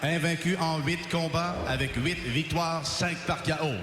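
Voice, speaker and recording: A man working as a bilingual fight announcer, formally introducing boxers in a showman style with drawn-out names. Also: fairly high pitch, fairly even intonation, a crowd in the background. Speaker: boxing ring announcer. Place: echoing arena at ringside. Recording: echoey noisy arena PA, long reverb.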